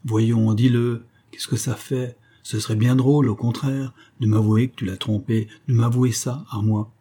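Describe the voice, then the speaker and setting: A jealous young husband in a storybook who needles and presses without letting go, as a man reading puts him on. His voice stays low and dark, with a husky edge. The taunts come in a steady, insistent rhythm. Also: moderate pace. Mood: taunting.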